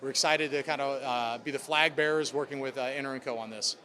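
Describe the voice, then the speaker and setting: Speaking as a sports club president at a press conference, a man answers reporters' questions in upbeat corporate language. His medium-pitched voice is pushed and bright, with fairly even intonation, and he talks fast.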